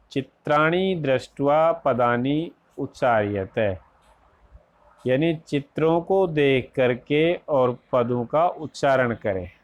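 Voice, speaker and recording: Man, school teacher, very slow, patient repetition, dull lo-fi recording. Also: medium pitch, no echo. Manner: slow, repeats each word clearly for children. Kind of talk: slow recorded classroom lesson.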